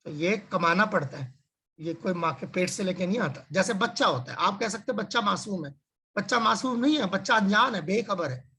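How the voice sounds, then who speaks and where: Man, religious teacher, video call, husky voice, conversational lecture, everyday examples, slows down to stress points. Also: high voice, animated, pushed and bright. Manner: explains with everyday examples and rhetorical questions; frequent filler phrases and restarts, slows to stress key words. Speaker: teacher leading an online scripture class.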